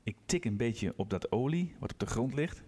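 Chatty man spinning a lively anecdote. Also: mid-range voice, normal speed. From Groningen, Netherlands. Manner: animated anecdote teller, acts out quotes. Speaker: podcast co-host, physiotherapist. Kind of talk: casual chat, storytelling. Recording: room with long reverb.

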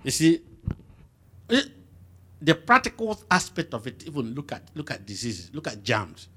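A man's voice: mid-range voice, moderate pace, slightly rough. A man preaching a sermon, questioning his listeners and having them answer back. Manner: lively, emphatic call-and-response questioning.

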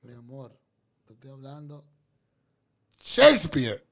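A man's voice: on the high side, animated, moderate pace, a little hiss or hum. A man hosting a casual chat, teasing and cracking crude jokes. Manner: crude, teasing, boisterous banter.

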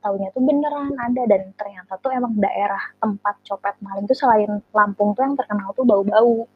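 A young woman with a Sundanese accent, a podcast guest telling lively, slangy stories in casual chat. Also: mid-range voice, a little fast, breathy edge, soft background music. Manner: lively storytelling, slangy and expressive. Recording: somewhat dull lo-fi sound.

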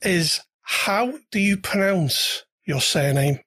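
A podcast host asking a guest quick-fire questions, teasing and laughing often. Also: mid-range voice, animated, a bit bright, breathy edge. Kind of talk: casual interview chat.

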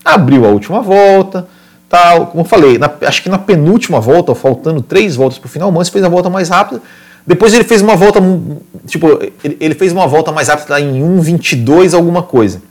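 A Brazilian man with a slightly high voice talks like an informal motorsport commentator. He recounts racing in an animated, spontaneous way, circling back on words and checking in with short tag questions. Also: a little fast. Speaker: motorsport podcast or stream host. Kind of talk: casual motorsport commentary, retelling a past race.

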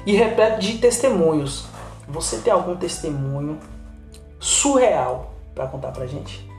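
A man, hosting a podcast and putting questions to his guest in a relaxed, joking way. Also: fairly high pitch, a little slow. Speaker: podcast host. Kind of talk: casual podcast interview. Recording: roomy, faint music.

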